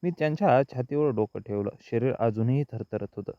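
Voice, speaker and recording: Male story narrator, mid pitch, unhurried and even, lo-fi dry recording. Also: no echo. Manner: slow, even first-person storytelling. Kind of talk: scripted audiobook narration.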